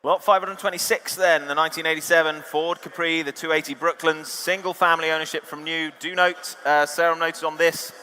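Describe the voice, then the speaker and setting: A man's voice: a little high, fairly even intonation, brisk, few pauses, pushed and bright, smooth. A man calling a live auction, chatty and joking with the bidders. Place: large reverberant auction hall. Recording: reverberant hall, amplified sound.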